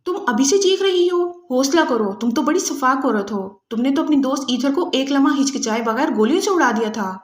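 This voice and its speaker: A ruthless female agent who taunts her prisoner with cold, mocking sarcasm, read by a woman narrator. Her voice sits high and carries a roomy echo. Every word drips menace. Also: lively intonation. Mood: sarcastic menace.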